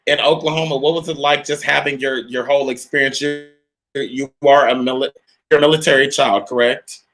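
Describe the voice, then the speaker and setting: Hyped bright-voiced male host. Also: medium pitch, steady tone, a little fast. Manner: hyped, repetitive, addresses viewers as y'all. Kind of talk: casual live-stream interview.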